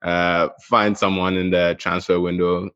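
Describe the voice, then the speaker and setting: Man, lowish voice, hesitant, repeats himself, casual football chat, dull muffled recording. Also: little pitch movement, measured pace, fairly bright tone, clean tone. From Ghana. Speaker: football podcast panelist.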